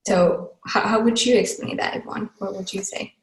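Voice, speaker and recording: A woman's voice: medium pitch, fairly even intonation, moderate pace. A woman from Finland hosting a casual online talk, chatty and loose, with many fillers and laughs. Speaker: host. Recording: echoey room sound.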